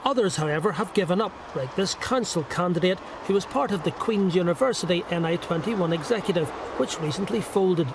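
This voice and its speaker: Male TV political reporter, high register, scripted narration. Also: lively intonation, fairly quick, few pauses, noisy background.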